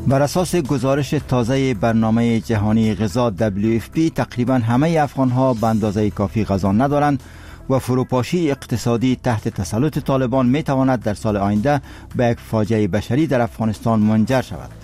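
A male radio newsreader with an Afghan accent delivers scripted news solemnly and formally. His voice is mellow and dark, of middling pitch, with faint music behind it.

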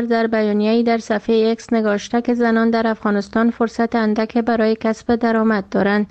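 A woman with an Afghan Dari accent reading a radio news report in an even, measured way. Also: fairly high pitch, clean tone. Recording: slightly dull lo-fi sound.

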